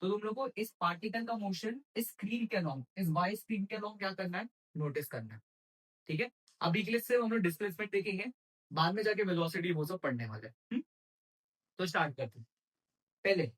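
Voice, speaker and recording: A man's voice: high-pitched, poor audio. A male physics teacher giving an exam-prep lecture in Hindi with English terms mixed in. He keeps asking his students questions and answering them himself.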